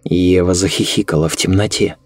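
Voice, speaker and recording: A man narrating a horror story in a measured, ominous way. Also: sits low, steady tone, dry recording.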